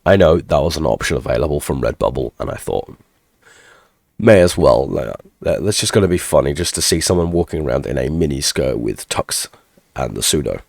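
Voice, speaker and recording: A man in his thirties, congested from a cold, rambles through an update for his tech tutorial channel, correcting himself as he goes. His voice sits extremely low with a heavy gravelly fry. The recording is dry and close, with no room sound. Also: expressive, a little fast, a little mellow, no echo. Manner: rambling, self-deprecating, restarts mid-sentence. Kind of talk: casual channel update with screen walkthrough.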